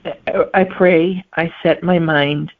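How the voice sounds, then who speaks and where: Over a thin, phone-like remote line, a middle-aged woman speaks as a guest author in conversational interview answers. Her lowish voice is gravelly and creaky with a steady tone, and she replies unhurriedly and thoughtfully, often pausing to find words.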